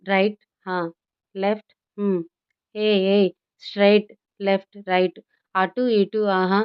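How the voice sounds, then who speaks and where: A woman's voice: mid-range voice, flat delivery, a little slow, clear, resonant tone, lo-fi sound, natural voice. A woman voicing a sassy teasing young woman. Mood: bossy. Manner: mocking, teasing.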